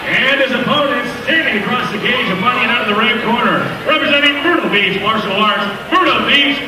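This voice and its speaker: A man making formal fight introductions as a ring announcer, in a grand old ballroom manner with drawn-out names. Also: very high voice. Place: large indoor fight venue. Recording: very echoey, noisy arena PA, distant. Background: loud noise.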